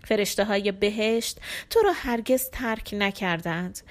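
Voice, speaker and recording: A woman's voice: medium pitch, lightly acted. A woman reading a wistful stage lady. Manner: wistful, declamatory. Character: nostalgic aristocratic woman on a stage.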